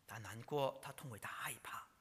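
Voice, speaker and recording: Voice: mid-range voice, normal speed, a bit bright, slightly rough. A preacher gives a dramatic sermon, full of rhetorical questions and sudden whispers. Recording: long reverb of a large hall.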